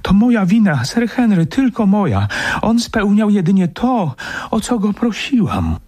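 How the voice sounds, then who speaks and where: A frightened middle-aged housekeeper woman pleads in a radio story, put on by a male reader. Her voice sits far above his own, high and tremulous with a husky grain. She speaks with urgent desperation. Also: sing-song, unhurried, dark tone. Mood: pleading. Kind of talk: radio drama reading.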